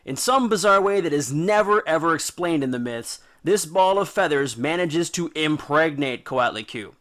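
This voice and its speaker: A man narrates and hosts a mythology video series, delivering scripted, informal lessons as dramatic, jokey, slang-filled stories with punchy emphasis. He speaks at a moderate pace, his slightly high voice fairly bright with lively intonation.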